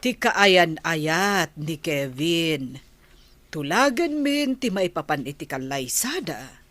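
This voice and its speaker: In a radio comedy drama, a woman plays an elderly grandmother organizing her grandson's wedding, delivering her lines in a measured, earnest manner. Her voice is low, expressive and fairly bright.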